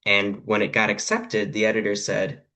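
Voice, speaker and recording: Low-voiced thoughtful male translator. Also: completely flat delivery, moderate pace, bright, forceful tone. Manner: thoughtful, explanatory, with hesitations. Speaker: guest translator. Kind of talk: conversational craft discussion.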